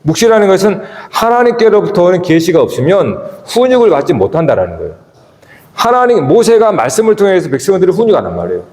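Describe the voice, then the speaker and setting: A man preaches a sermon in a church sanctuary, his pitch sitting fairly high and moving in wide, lively swings. He keeps asking the congregation questions and drops low between emphatic peaks. The recording carries the roomy echo and long reverb of the church hall. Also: fast talker. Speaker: pastor.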